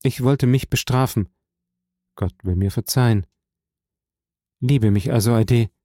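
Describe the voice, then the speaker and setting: A man reading aloud plays a grave older nobleman who speaks in a solemn, measured way. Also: mid-range voice, warm tone, no echo, studio quality, natural voice.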